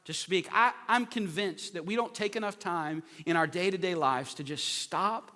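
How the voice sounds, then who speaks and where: A man's voice: high voice, normal speed, sharp tone. A man preaching an earnest sermon, repeating phrases for emphasis. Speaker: pastor. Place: church sanctuary. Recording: echoey hall with long reverb.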